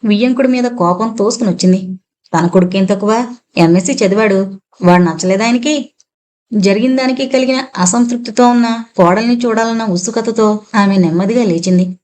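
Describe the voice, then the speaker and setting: A woman's voice: mid-range voice, normal speed, darkish tone. A woman with a Telugu accent reading a family novel aloud, narrating steadily and reading the dialogue with feeling. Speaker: audiobook narrator. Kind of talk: reading a novel aloud, voicing all characters.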